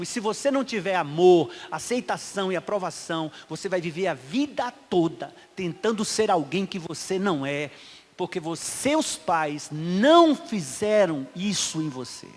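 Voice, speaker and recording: A middle-aged man, a pastor preaching a sermon in a church, swinging between loud emphatic calls and hushed asides. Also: high-pitched. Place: church hall. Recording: long hall reverb.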